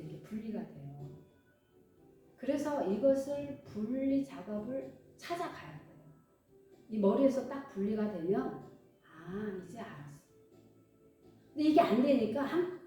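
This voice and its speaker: Middle-aged woman preaching in an echoey hall. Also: mid-range voice. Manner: conversational, animated, acts out dialogue. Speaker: pastor. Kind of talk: sermon. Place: church hall. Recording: echoey hall, far from mic, faint music.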